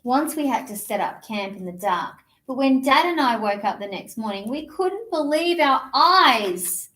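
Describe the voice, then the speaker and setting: A woman presents a children's storytime, bringing a picture book to life with playful, theatrical sing-song reading and action songs. Her fairly high, slightly bright voice has lively intonation and a somewhat slow pace.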